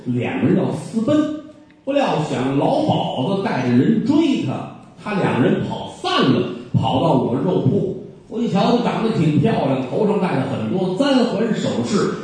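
A man's voice: sits high, dark tone. A man playing a sly middle-aged male butcher who rambles glibly through a confession. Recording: very echoey hall from far off.

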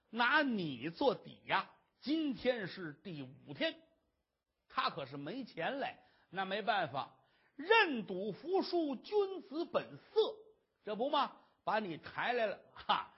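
Brief: storyteller as a smug lecherous villain, husky, lo-fi. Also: mid-range voice, heavily acted. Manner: smug, coaxing, laughing. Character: gloating lecherous gambling-den boss. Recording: dull lo-fi recording.

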